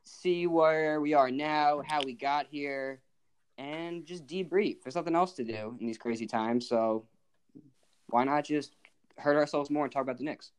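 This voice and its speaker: A man's voice: on the high side, unhurried, clean tone. Upbeat young man hosting a podcast. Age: 20s. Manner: upbeat, friendly interviewer. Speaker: podcast host. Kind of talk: casual podcast chat.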